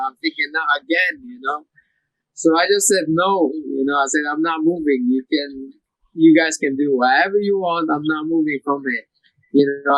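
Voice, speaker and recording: A young man from Iraq answers questions in a relaxed, easygoing way, dropping "you know" into most of his sentences. His voice sits a little high for a man. It is recorded close and dry, with no room sound. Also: dry recording, poor audio. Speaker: MMA fighter. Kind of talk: post-fight interview over a call.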